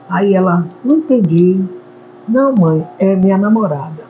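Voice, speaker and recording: A woman tells stories from her life as a hair stylist, stacking repeated words for emphasis. Her voice is warm and mellow. The recording is dull and lo-fi, with a faint noise behind her. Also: medium pitch. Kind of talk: interview storytelling.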